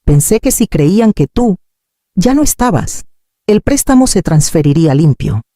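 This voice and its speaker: A man's voice: sits high, sing-song, normal speed, dark tone, no echo, clean studio sound, voice pushed up. A man putting on a panicked, pleading grown son. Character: desperate indebted adult son, breaking down.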